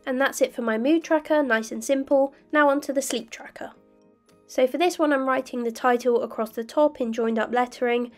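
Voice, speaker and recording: A young woman with a slightly croaky voice from illness, calmly narrating her journaling step by step. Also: a little high. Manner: calm, detailed step-by-step explaining. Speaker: bullet journal vlogger. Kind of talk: voice-over narration of crafting.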